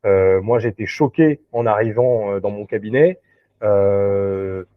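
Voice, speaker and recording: A man's voice: on the low side, a little slow, no echo. Man on a dry, tinny video call. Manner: hesitant, many fillers and restarts. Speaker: recruiter, interview guest. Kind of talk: casual interview chat.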